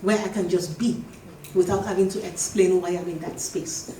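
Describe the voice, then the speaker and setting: Woman panel speaker, mellow tone, roomy hall sound. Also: on the low side, fairly even intonation. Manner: reflective, emphatic, slows to stress points. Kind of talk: panel discussion answer. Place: event hall. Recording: echoey hall, distant mic, faint noise.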